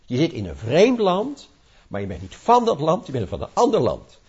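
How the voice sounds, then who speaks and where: A man preaching a sermon, his pitch swinging widely as he leans on key words and circles back over his phrases. His voice is a little husky, and the recording is muffled and lo-fi. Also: wildly swooping pitch, normal speed, dark tone. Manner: emphatic, repeats and restarts phrases, rising for stress.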